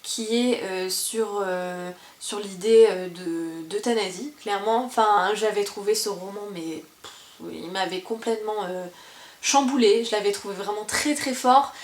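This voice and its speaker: A woman's voice: mid-range voice, measured pace. Young female book vlogger, chatty and casual, recorded in a roomy, echoey living room. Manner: chatty, many fillers and restarts. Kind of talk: casual book presentation to camera. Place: parents' living room by her bookshelves.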